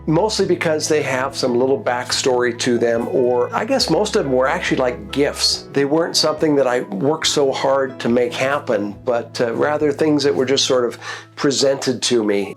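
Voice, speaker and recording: A nature photographer who runs his own channel gives a casual narrated recap of his photos, relaxed and reflective as he tells the stories behind them. His medium-pitched voice sounds congested from a cold.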